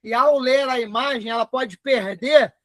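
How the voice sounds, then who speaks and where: A man with a Brazilian Portuguese accent teaching a live online class in a chatty way, often dictating slowly word by word. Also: very high voice, no echo, studio quality. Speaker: instructor.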